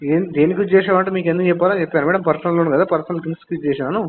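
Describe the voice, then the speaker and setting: A man's voice: a little high, steady tone, racing. A man arguing with a loan recovery agent, insistent and pressing the same question, mixing English phrases into his speech. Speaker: borrower on a call. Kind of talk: heated phone argument. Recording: tinny phone line with crowd behind.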